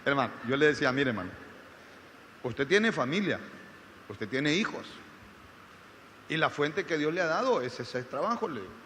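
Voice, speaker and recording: A pastor preaching a sermon, telling a story with rising, shouted emphasis. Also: male voice, fairly high pitch, big pitch swings, normal speed, long pauses, long reverb tail, slight background noise. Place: church.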